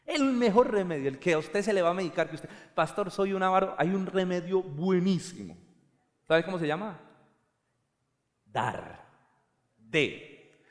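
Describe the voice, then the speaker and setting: A high-voiced middle-aged man preaches as pastor in a church. He swings from hushed low stretches to loud, fervent bursts. His voice rings with a long hall reverb. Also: sing-song, unhurried, pauses often. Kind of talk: sermon.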